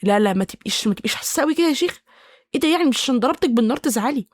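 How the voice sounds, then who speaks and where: A woman's voice: high-pitched, expressive, very fast, dry recording. A woman voicing a defensive female friend who brushes off complaints and scolds the other person. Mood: scolding.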